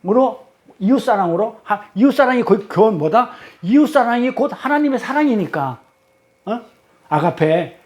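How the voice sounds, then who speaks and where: A man's voice: high-pitched, animated, moderate pace, a little mellow. A man leading a Bible study class, quizzing his listeners with rhetorical questions in an emphatic, repetitive teaching cadence.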